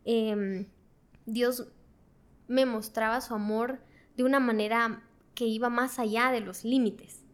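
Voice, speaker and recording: A woman telling her faith story in a casual conversation, animated, acting out her own prayers and laughing often. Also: fairly high pitch, slow pace, pauses often, clear, resonant tone.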